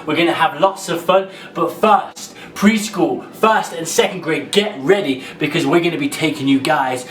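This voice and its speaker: A man's voice: a little high, normal speed, fairly bright tone. Playful man. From London, England. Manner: upbeat, playful, with filler ums. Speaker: children's workshop co-host. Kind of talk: friendly introduction to young children. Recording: echoey room, mic at a distance.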